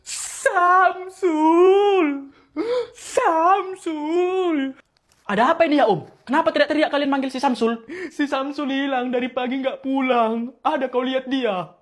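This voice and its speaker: A woman performing a comic sketch, switching between exaggerated, shouty village characters. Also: high-pitched, close to an everyday voice. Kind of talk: comic sketch with many voices.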